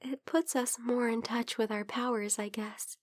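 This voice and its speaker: In this close, soft-spoken ASMR roleplay, a woman plays a tender, caring vampire best friend who is young and sick, explaining things in a subdued manner. Her high, gentle, natural voice stays steady yet very slow and hesitant, a bit under the weather and frequently near a whisper, captured dry.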